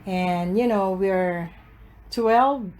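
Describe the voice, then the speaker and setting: Slow, hesitant Filipino man in his sixties. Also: high voice, darkish tone. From Philippines. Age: 60s. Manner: hesitant, many filler pauses. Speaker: interviewee. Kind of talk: oral history interview.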